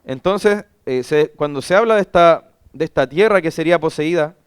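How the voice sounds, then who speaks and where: Clear-voiced pastor teaching a Bible class. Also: male voice, a little high, normal speed, no echo, studio quality. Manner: asks rhetorical questions and answers them himself; reads scripture passages aloud at length.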